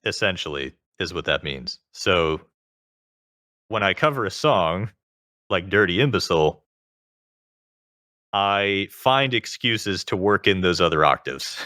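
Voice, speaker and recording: A man with a very low voice that still has a bright, forceful edge. He is a guest in a casual interview. He talks at length, leaning on filler words as he explains. The sound is close and dry. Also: expressive, unhurried, pauses often, dry recording. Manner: talkative, explains at length with lots of "like".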